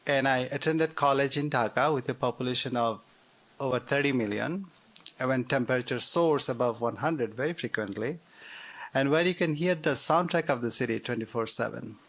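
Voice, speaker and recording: A man in his forties with a Bangladeshi accent tells a personal story live on stage, a touch of gravel running under his middle-pitched voice. He talks with wry, self-deprecating humor and leans on fillers as he goes. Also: normal speed, fairly bright tone. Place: theater stage before a live audience.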